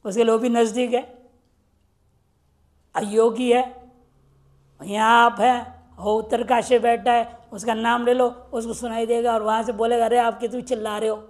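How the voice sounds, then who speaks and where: A woman teaching Sanskrit grammar in a lecture. She quizzes her listeners and recites the rules slowly. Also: a little high, level tone, a little mellow. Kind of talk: classroom lecture explaining grammar.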